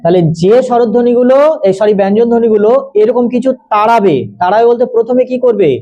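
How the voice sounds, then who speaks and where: High-voiced man teaching grammar. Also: fairly even intonation, lo-fi sound. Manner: explains step by step, repeats key terms and checks students' understanding; slows down to dictate definitions. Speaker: tutor. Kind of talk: Bengali grammar lesson for students.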